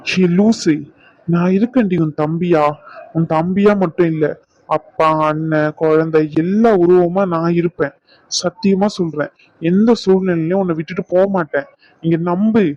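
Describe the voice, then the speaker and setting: A man's voice: high-pitched, moderate pace, no echo. An actor playing a caring younger brother who reassures his sister and scolds her fondly. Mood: earnest. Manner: reassuring, warm-hearted teasing, affectionate scolding. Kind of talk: family drama acting. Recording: dull dry sound.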